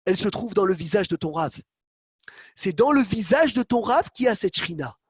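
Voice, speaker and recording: Animated high-voiced man teaching Torah. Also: moderate pace, breathy edge, dry recording. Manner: animated, calls on students by name, acts out quotes. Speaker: rabbi teaching a Torah class. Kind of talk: online Torah lesson.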